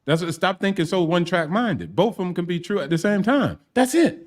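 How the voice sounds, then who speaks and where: A man's voice: sits high, expressive, a little fast. A male host of a live talk show arguing his point emphatically and repeating himself to drive it home. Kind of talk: argumentative live-show discussion.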